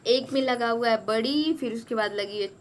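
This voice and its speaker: Woman giving a slow spelling lesson. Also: on the high side, slight background noise. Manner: slow, repetitive, correcting each word. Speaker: exam prep tutor.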